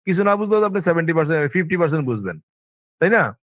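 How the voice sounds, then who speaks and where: A man with a Bangladeshi Bengali accent lectures students in an emphatic, insistent way and keeps asking them rhetorical questions. His voice sits fairly high for a man. The sound is dry and dull, like a lo-fi recording. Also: big pitch swings, rapid-fire, dry recording. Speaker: Arabic language teacher.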